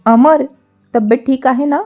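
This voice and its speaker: A calm older boss speaks gently and reassuringly, read by a high-voiced woman narrator. Faint music sits under this storybook reading. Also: normal speed, close to an everyday voice. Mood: concerned. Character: kind older male employer, calm and protective.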